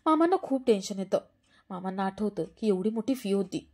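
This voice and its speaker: A woman narrating a television serial recap in a steady storytelling voice. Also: medium pitch, a little fast.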